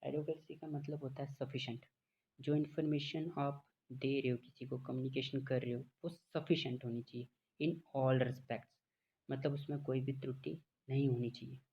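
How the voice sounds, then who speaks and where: A man teaching a lecture, explaining step by step with frequent fillers and reading English definitions very slowly. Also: mid-range voice, level tone, breathy edge. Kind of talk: classroom lecture. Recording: dull lo-fi with faint background noise.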